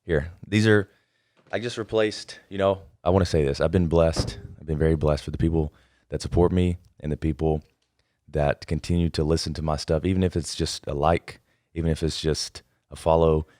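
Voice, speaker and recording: A man hosting a casual podcast interview in a studio, energetic and encouraging, talking in quick bursts. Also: extremely low pitch, no room sound. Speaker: podcast host. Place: podcast studio, in person with guest. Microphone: studio microphone.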